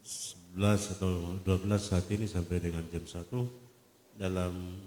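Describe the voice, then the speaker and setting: A male pastor giving a measured, explanatory church teaching with hesitant fillers. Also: sits low, mellow, a little hiss or hum. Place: church hall. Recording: echoey hall with long reverb.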